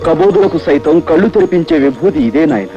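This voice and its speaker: A man's voice: fairly high pitch, animated, fast talker, highs cut off, natural voice. An actor playing a con man posing as a holy sage, speaking with sly, mock piety. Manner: sly, mock-pious drawl. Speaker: film actor. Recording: film soundtrack with clear music.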